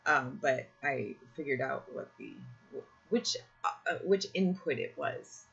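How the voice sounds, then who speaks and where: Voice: mid-range voice, expressive, unhurried, gravelly, fairly bright tone, lo-fi sound. A podcast host chatting casually over a home computer mic, rambling and correcting themselves, with a slightly strained, irritated throat. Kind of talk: casual chat. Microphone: own computer mic, live video call.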